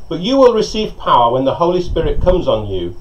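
A middle-aged man, a pastor, preaching a sermon and telling stories in an animated way, recorded on a lapel mic outside on a porch. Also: fairly high pitch, a little fast. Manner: storytelling, animated, gesturing with hands. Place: covered porch outdoors by a lake. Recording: slightly dull sound with faint outdoor ambience.

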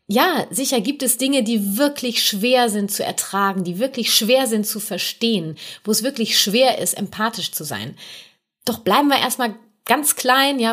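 A woman hosting a podcast, gently explaining nonviolent communication to parents and addressing the listener directly with little tag questions. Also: a little high, breathy edge. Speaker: podcast host and communication coach. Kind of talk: podcast monologue giving parenting advice.

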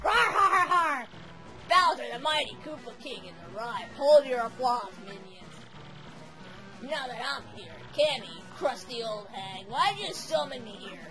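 A woman's voice: high voice, lively intonation, normal speed, music in the background. A woman voicing a bossy, impatient male turtle-dragon king villain who bellows and gloats. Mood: boastful.

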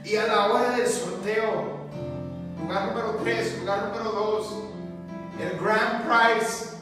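A male pastor, preaching a sermon and telling stories in an animated way, mixing in English words. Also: high voice, slow pace. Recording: echoey church hall, distant mic, music behind.

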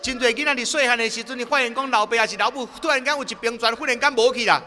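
A man interpreting a sermon live at a stadium rally, quick and echoing the preacher's emphasis, sometimes stumbling over words. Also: very high-pitched, sharp tone. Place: outdoor stadium.

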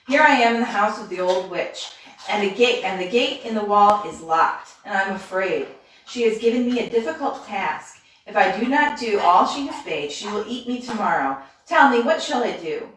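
A woman's voice: mid-range voice, animated, moderate pace, a little hiss or hum, natural voice. A frightened, polite young girl, voiced by a woman reading aloud speaks in a timid, pleading way. The sound is very echoey and picked up from some distance. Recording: echoey room from far off.

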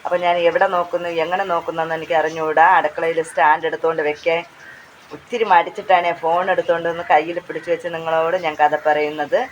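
A woman with a Kerala Malayalam accent, hoarse from long talking, chatting casually while she cooks and films on a handheld phone. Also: deep voice, level tone, fast talker, a little hiss or hum, low-quality recording. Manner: chatty, repeats phrases, tag questions. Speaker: cooking vlogger. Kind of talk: casual chat while cooking. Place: home kitchen. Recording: faint frying sounds behind.

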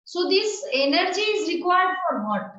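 A middle-aged woman with an Indian accent teaches in a high voice, mixing in Hindi as she questions her students. The sound is echoey and dull, like a video call in a bare room. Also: sing-song, normal speed, fairly bright tone. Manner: questioning, prompting, switches between English and Hindi. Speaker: biology teacher. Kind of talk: online class lesson with questions to students. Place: indoor room with bookshelves.

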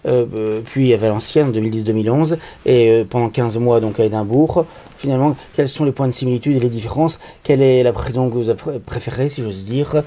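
A man hosting a conversational interview, asking measured, carefully phrased questions. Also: mid-range voice, dark tone. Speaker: interview host.

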